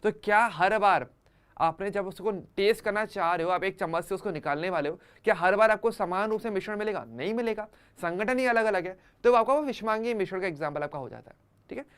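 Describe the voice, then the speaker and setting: A man's voice: sits high, fairly quick, a bit bright, clear, resonant tone. A man teaching an online chemistry class for exam students, conversational, using everyday examples and often checking that students follow.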